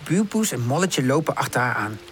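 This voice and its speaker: A woman reading a children's audiobook aloud, calm and gentle. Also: extremely low pitch, a little fast, soft background music. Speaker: audiobook narrator.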